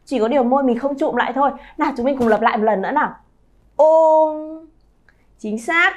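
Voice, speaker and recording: A woman in her thirties teaching pronunciation to her viewers, lively and drawing out sounds to model them. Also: fairly high pitch, rapid-fire, highs cut off. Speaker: Chinese teacher, channel founder. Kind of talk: pronunciation lesson to camera.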